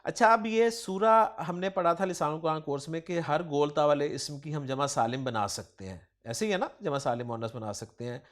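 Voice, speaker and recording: A man's voice: a little high, hardly any pauses. A man with a Pakistani Urdu accent teaching Quranic grammar, quizzing his student and praising each answer. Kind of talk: question-and-answer grammar lesson.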